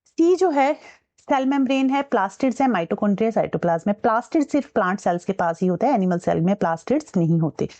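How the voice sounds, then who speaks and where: A woman's voice: medium pitch, lively intonation, darkish tone. A woman teacher explaining science exam questions step by step, mixing English terms into her speech and checking in with her students. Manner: reads English question text slowly and deliberately. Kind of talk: exam-prep science lesson.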